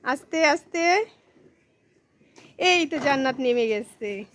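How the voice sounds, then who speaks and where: A woman's voice: sits high, animated, takes it slowly, noisy background. A woman filming and narrating a casual family vlog, coaxing her small daughter while talking to viewers.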